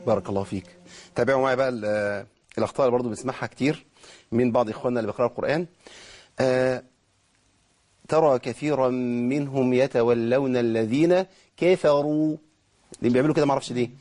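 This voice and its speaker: A man with an Egyptian accent teaching Quran recitation rules, explaining quickly and slowing down to model drawn-out words. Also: medium pitch, darkish tone. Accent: Egyptian Arabic. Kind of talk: tajweed lesson, explaining and demonstrating.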